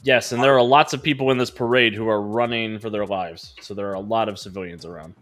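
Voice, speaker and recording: A man's voice: fairly low pitch, steady tone, fast talker, fairly bright tone. A man running a tabletop game as game master, casually refereeing and encouraging his players.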